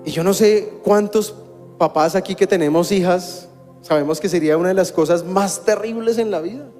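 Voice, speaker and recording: A man's voice: high-pitched, normal speed, darkish tone. A man preaching a sermon as pastor, conversational, with wry humor. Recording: long church-hall reverb with faint music.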